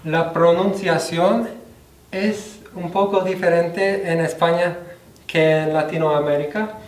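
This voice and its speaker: Young male student, slowish careful delivery, fairly high voice, echoey room, mic at a distance. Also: fairly even intonation. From United States. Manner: slow, careful learner's delivery with pauses. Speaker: student presenter. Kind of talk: class presentation on Spanish slang. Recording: roomy echo, voice from off the mic.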